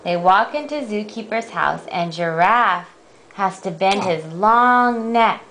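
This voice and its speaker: A woman reading a picture book aloud to a child at bedtime at home, slow, gentle and playful. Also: mid-range voice, expressive, a little hiss or hum. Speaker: parent reading a bedtime story.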